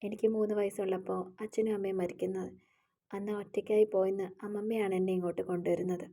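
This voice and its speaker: A woman voicing a shy young orphaned college girl in an audio story, speaking quietly and subdued. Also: medium pitch, level tone, fast talker, lightly acted. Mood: sad.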